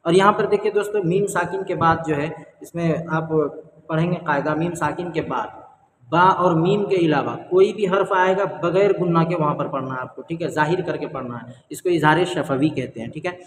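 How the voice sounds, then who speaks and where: A man teaching the rules of Quran reading, explaining step by step, asking and answering his own questions, and chanting the verses slowly. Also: fairly high pitch, roomy sound, long reverb tail, slight background noise.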